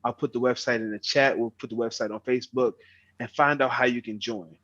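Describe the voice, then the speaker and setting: A man's voice: mid-range voice, fairly even intonation, brisk, a bit bright, highs cut off. A young man hosting an online meeting, speaking earnestly, often repeating words as he starts a phrase. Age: young adult. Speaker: meeting host.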